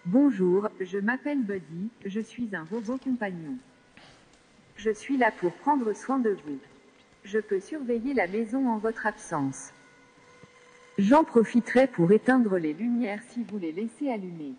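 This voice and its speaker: A friendly companion robot speaks in a synthetic text-to-speech voice, polite and chirpy, as a small device plays it out. The tone is airy and a little breathy. It rings out with the long reverb of a big event hall. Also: mid-range voice, animated, measured pace, darkish tone. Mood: cheerful. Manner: polite, chirpy scripted replies. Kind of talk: live on-stage robot demo. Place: event stage in a large hall.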